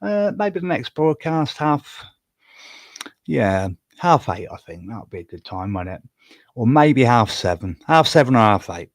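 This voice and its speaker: A man's voice: medium pitch, very animated, measured pace, dry recording. A man from England, hosting a casual solo livestream from home and rambling with fillers and restarts. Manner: rambling, self-talking, with many fillers and restarts; coos softly at his cat. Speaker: livestream host. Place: home room.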